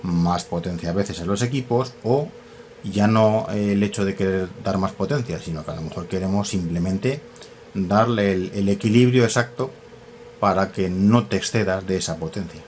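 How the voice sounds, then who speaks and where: Man, very low voice, casual workshop demo, thinks aloud, self-corrects, faint room hum behind. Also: normal speed, a little mellow. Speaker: radio equipment tutorial host. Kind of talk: casual hands-on equipment demonstration.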